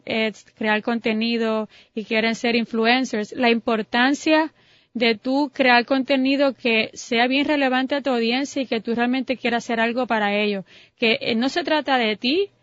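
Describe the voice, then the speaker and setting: Woman interviewer, higher pitch; long encouraging questions; dry, dull recording. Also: fairly bright tone, dry recording. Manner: long flowing sentences, encouraging.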